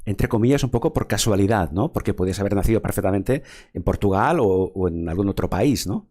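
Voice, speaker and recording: Hosting a formal interview, this man has a dark, fairly low voice and talks a little fast and animatedly. His speech is long-winded, with plenty of fillers and repetitions.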